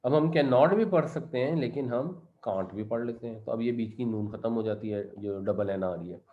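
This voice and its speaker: A man's voice: medium pitch, fairly quick. Man teaching Quran commentary, lo-fi. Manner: explains grammar step by step, recites Arabic verses then translates.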